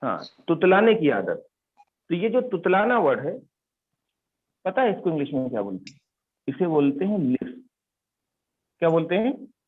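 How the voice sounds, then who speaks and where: Husky and on the high side, this man's voice has a sing-song lilt, a moderate pace, and long pauses. He teaches English through storytelling, quizzing students and repeating key words, over tinny, phone-like online class audio.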